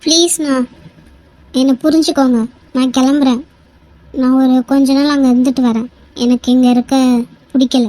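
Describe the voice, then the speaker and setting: Brief: woman playing upset young cartoon heroine, high voice, dry sound. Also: fairly even intonation, normal speed, long pauses, warm tone, dry recording, close to an everyday voice, poor audio. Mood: hurt. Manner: emotional, pleading. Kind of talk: Tamil cartoon voice acting.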